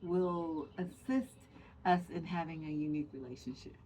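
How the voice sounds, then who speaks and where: A woman's voice: sits low, steady tone, moderate pace, mellow, slight background noise, poor audio. A woman co-hosting a podcast, speaking in an earnest, emphatic way as she lays out points. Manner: earnest and emphatic, building lists. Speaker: podcast co-host. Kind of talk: casual chat.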